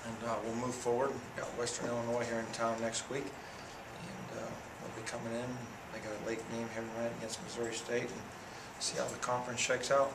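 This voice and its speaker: A man's voice: medium pitch, monotone, brisk, vocal fry, hardly any pauses. A man in his thirties, a head football coach, answering questions after a game at a press conference, speaking plainly and steadily with many fillers and restarts. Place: press room in front of a sponsor backdrop. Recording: echoey room audio from a far camera, noisy.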